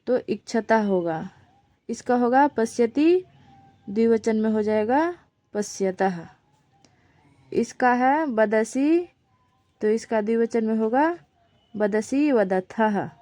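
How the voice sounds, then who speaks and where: A woman's voice: fairly high pitch, dark tone, dry recording. A woman teacher, patiently explaining a lesson and repeating each word for pronunciation practice. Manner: slow, patient, repeats words for pronunciation drill. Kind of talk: Sanskrit lesson explained in Hindi.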